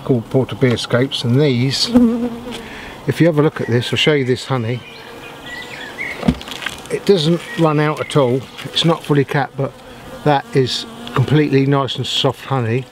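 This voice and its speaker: Speaking at a moderate pace with fairly even intonation and a medium pitch, a middle-aged beekeeper casually explains his hands-on work as he goes. The setting is a wooded apiary outdoors, and the recording carries clear outdoor noise of buzzing bees, insects, and birdsong.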